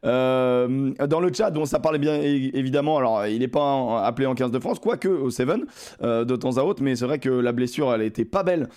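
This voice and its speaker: A man hosting a casual sports talk show, arguing refereeing calls in an animated way and swearing freely. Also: medium pitch, a little fast, smooth. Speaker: podcast host.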